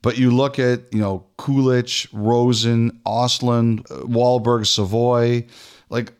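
A man's voice: medium pitch, little pitch movement, slow, a little mellow, smooth. A man co-hosting a hockey podcast in casual chat, often repeating words and restarting sentences.

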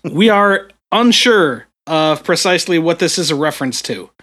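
Man, podcast co-host, bright, slightly high voice, loose rambling chat. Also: expressive, normal speed. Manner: rambling, with frequent fillers and restarts. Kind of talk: casual gaming podcast chat.

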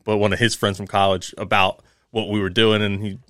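A man's voice: lowish voice, flat delivery, fairly quick, fairly bright tone, smooth, no room sound, clean studio sound. A man chatting casually as a podcast co-host. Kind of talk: casual chat.

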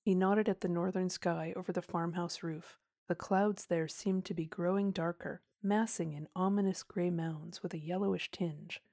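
A woman narrates a storybook in a measured, expressive way. Her voice is low and mellow, and the recording is close and dry with no room sound. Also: creaky, dry recording. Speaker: audiobook narrator.

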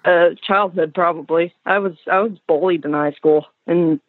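A woman's voice: fairly low pitch, fairly even intonation, moderate pace, no echo. A young woman on a phone call heard through speakerphone, talking in a hesitant, self-conscious way. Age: young adult. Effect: heard over a phone speaker. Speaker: caller. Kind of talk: casual phone chat. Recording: tinny phone line.

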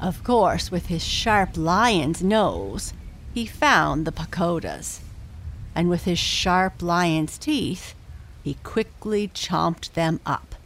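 Woman reading a bedtime story super slow and soft, lowish voice, lots of pauses. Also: lively intonation, a little hiss or hum. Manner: gentle, unhurried, with long pauses.

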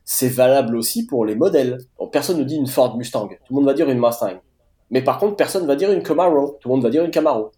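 A man's voice: medium pitch, lively intonation, quick pace, hardly any pauses, dark tone, echoey room. A man from France with a French accent, chatting casually as a guest, with many fillers and restarts. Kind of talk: casual conversation.

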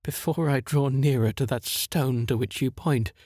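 A man reading a storybook voices an anxious old man who pleads earnestly and formally with a spirit in a thin, husky voice. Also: medium pitch, normal speed, a little mellow, dry recording, studio quality, pitched above the performer's own voice, lightly acted. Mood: fearful pleading.

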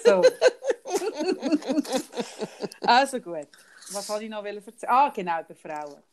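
A Swiss German woman co-hosting a podcast talks in a loose, chatty way. She teases her friend, laughs easily and jumps between topics. Her voice sits at a middle pitch. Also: lively intonation, moderate pace, a little hiss or hum. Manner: teasing, chatty, laughs often. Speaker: podcast co-host. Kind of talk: casual chat.

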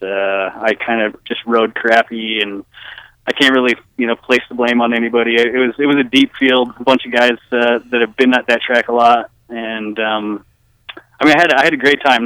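A man's voice: mid-range voice, a bit bright, smooth, no room sound, low-quality recording. A man guest talking in an easygoing way, with lots of fillers, in a casual interview. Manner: laid-back, easygoing, many fillers. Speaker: guest racer.

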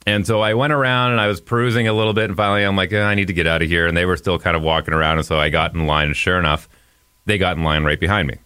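A man's voice: deep voice, steady tone, rapid-fire, sharp tone, clean tone, dry recording. A man casually telling a story on a podcast, rambling with many restarts. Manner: rambling, restarts, breaks into laughter. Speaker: podcast host.

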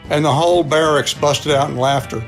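Faint music plays as an older man with a Texan accent, a radio show contributor, tells a personal story and performs the dialogue in a folksy manner. He speaks briskly in a fairly high, gravelly voice with fairly even intonation.

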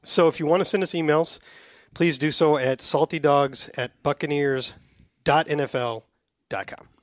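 A man's voice: on the high side, steady tone, moderate pace, dry recording. A middle-aged man co-hosting a sports podcast in casual, explanatory chat. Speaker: podcast co-host.

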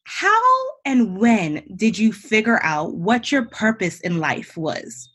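A woman's voice: mid-range voice, expressive, slow, husky. A woman hosting a faith-based podcast, reading a guest introduction and chatting in an upbeat way. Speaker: podcast host.

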